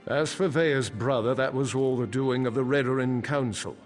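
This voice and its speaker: An actor voices a dignified councilor and anxious father in a fantasy video game, speaking formally and resolutely in a mid-range voice close to an everyday one. His moderate-paced delivery is grave and stiff, with faint music behind it.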